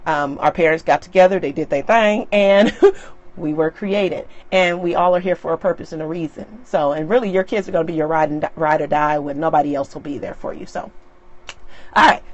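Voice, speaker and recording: A middle-aged woman talking casually on a live stream into her tablet, chatty and often laughing. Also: mid-range voice. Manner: chatty and laughing, lively animated asides. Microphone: tablet mic.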